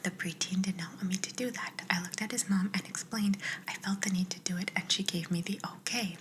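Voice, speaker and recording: A young adult woman, an ASMR creator, reading viewers' stories in a soft, steady whisper. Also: mid-range voice, fairly quick, slight background noise, low-quality recording.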